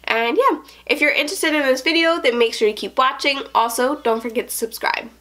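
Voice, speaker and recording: A woman's voice: high-pitched, fairly quick, fairly bright tone. A woman chatting casually as a beauty vlogger, a little out of breath, narrating each makeup step as she works.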